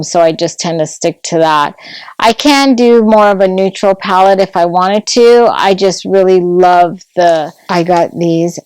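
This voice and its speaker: A woman's voice: fairly low pitch, a little mellow, no room sound, rough recording. A woman vlogging at home, chatting casually and gushing over a craft haul, sometimes dropping to a whisper.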